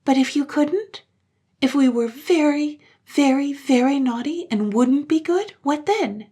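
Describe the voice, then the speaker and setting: A woman voicing a group of eager young children who plead in high, urgent voices. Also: unhurried, mellow.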